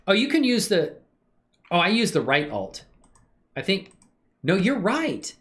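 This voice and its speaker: His voice sits high with a fairly bright tone, very animated but unhurried. He's a livestream host working on 3D animation, chatting laid-back and slangy with viewers, appreciative and thinking aloud.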